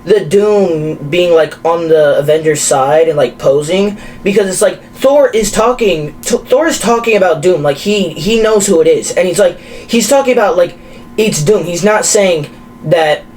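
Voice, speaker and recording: A man's voice: high-pitched, moderate pace, slight background noise, low-quality recording. Young man rambling casually. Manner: animated, rambling with many fillers. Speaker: podcast co-host. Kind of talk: casual chat.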